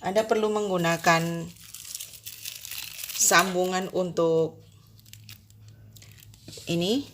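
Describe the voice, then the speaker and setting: A woman explaining sewing machine upkeep step by step, slow and instructive, addressing the viewer formally. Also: on the low side, steady tone, slight background noise. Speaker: sewing tutorial host. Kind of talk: step-by-step tutorial narration.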